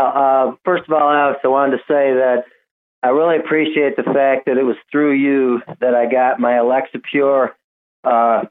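A male caller to a talk radio show, heard on speakerphone, speaking emphatically and building up steam. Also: mid-range voice. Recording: tinny phone line on speakerphone.

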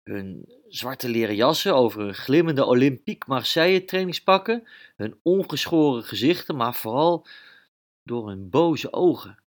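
Brief: animated male storyteller reading a children's tale, does all the voices. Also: mid-range voice, a little slow. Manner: lively, expressive reading, voicing all the characters.

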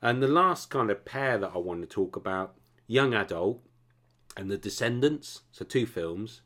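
Low-voiced guy rambling on about films, keeps asking if you get him. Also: moderate pace. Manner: rambling, animated, asks "you know what I mean?". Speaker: podcast co-host. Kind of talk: casual chat about films.

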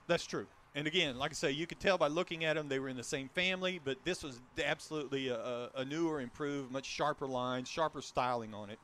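A man's voice: a little high, fast talker, hardly any pauses, bright, forceful tone, slight background noise. Chatty man giving a car review. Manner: chatty, rambling with restarts. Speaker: car show host. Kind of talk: casual car talk.

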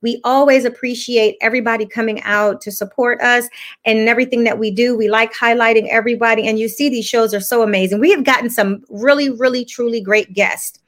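Woman podcast host, somewhat high voice, chatty, restarts her phrases, on a video call. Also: fairly even intonation, quick pace, fairly bright tone. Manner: chatty, repeats words while thinking. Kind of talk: live podcast chat.

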